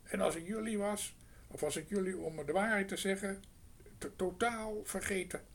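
A man's voice: sits high, steady tone, normal speed, pitched above the performer's own voice. A man voicing a hungry, talkative male crow who rambles and hesitates, in a storybook reading. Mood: musing.

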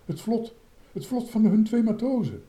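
A man voicing an excitable, plump boy sailor who exclaims eagerly, in a storybook reading. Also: mid-range voice, a little fast, roomy sound, pitched above the performer's own voice. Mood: excited.

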